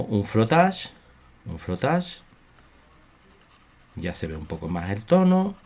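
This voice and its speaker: A man teaching a drawing lesson, talking slowly and repeating his instructions calmly. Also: low-pitched. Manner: slow, repetitive, soothing instruction. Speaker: art teacher. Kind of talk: drawing tutorial.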